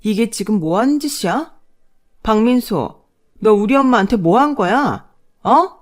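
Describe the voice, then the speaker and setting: A woman's voice: mid-range voice, very animated, normal speed, a little mellow, pitched above the performer's own voice. A woman voicing a furious adult daughter who scolds sharply and indignantly.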